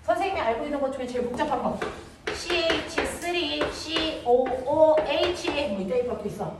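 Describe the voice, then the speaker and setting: A woman with a high voice teaches a science class, firing off playful check questions to her students. She sounds distant from the mic, in a very echoey room. Steady noise runs under the recording. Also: moderate pace. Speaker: middle school science teacher. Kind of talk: classroom lesson with call-and-response questions.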